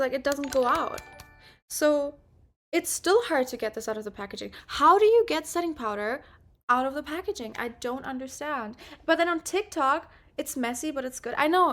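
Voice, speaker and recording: Chatting casually with her stream as she does her makeup, a woman in her early twenties rambles along with plenty of filler words. The livestreamer has a high voice with a fairly bright tone.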